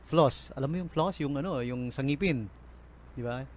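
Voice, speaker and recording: A man's voice: medium pitch, normal speed, a little hiss or hum. A man with a Filipino accent hosting a casual late-night radio show, laughing often and mixing Tagalog and English. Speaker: radio DJ host. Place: radio studio.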